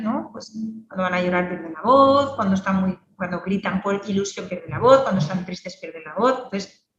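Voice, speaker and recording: Woman clinician lecturing, lively and explanatory, echoey dull recording. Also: mid-range voice, far from the mic. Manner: lively, explanatory, many tag questions. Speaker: speech therapist lecturer.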